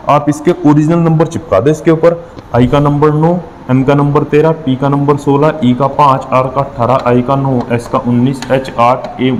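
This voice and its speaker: A man's voice: fairly high pitch, a little mellow, big-room sound, slight background noise, rough recording. Man teaching exam maths, counting aloud. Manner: explains step by step, counting aloud with frequent checks. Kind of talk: exam-prep lesson.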